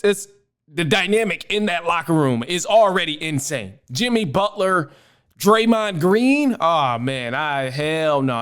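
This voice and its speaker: High-pitched man giving casual sports takes. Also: a bit bright, clean tone. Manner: informal slangy talk, emphatic repetition. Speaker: sports show host answering voicemails.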